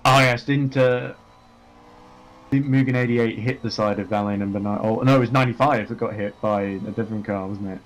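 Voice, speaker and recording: A man's voice: fairly low pitch, fairly even intonation, fairly quick, a little hiss or hum. A man giving live commentary on a sim race, working through gaps and strategy with frequent fillers.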